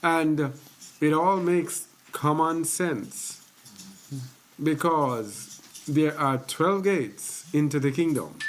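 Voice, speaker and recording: Slow-talking man teaching scripture. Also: fairly high pitch, slight background noise. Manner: slow, conversational, repeats phrases for emphasis. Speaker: host of a faith teaching channel. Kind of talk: casual religious teaching.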